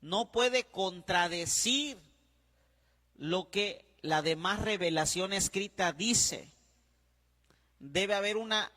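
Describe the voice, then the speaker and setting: A man's voice: sits high, sharp tone, in a large hall. A man, a priest teaching a class, who repeats his points, spells words out letter by letter and keeps checking that the class follows. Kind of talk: classroom lecture.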